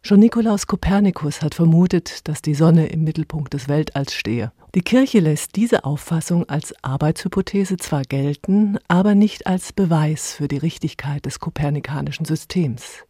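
Dark-voiced woman narrating a radio feature. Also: low-pitched, moderate pace, few pauses, husky, no room sound, studio quality. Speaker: radio reporter.

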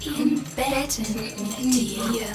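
A woman playing a chained young female captive who coaxes in a hushed, whispery voice. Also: fairly high pitch, very slow. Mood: coaxing. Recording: distant echoey voice over loud music.

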